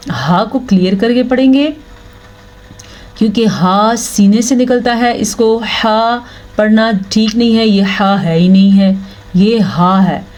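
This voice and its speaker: A woman teaching Quran recitation rules step by step. She explains each rule patiently, checks in often, then chants the Arabic words slowly. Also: medium pitch, a little mellow. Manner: checks in with "thik hai" often. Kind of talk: slow, step-by-step tajweed lesson.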